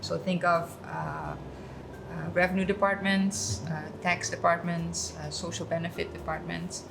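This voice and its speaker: A woman's voice: fairly low pitch, little pitch movement, a little slow, creaky, noisy background. A middle-aged woman from Suriname, a guest chatting casually in a cafe interview, telling stories with frequent ums and uhs. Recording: background guitar music.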